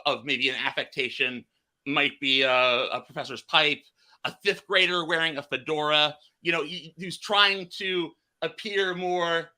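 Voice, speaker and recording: Man, podcast host, rambling casual chat, slightly high voice, very bright tone. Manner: rambling, restarts phrases often.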